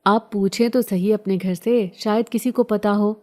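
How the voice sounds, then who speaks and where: A woman's voice: mid-range voice, fairly even intonation, mellow, natural voice. Polite, insistent young man, as read by a woman.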